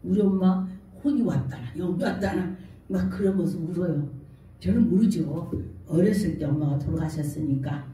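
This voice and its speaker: A woman's voice: on the low side, normal speed, warm tone. A woman pastor preaching a sermon, telling stories and acting out the quoted speech. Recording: echoey hall from far off.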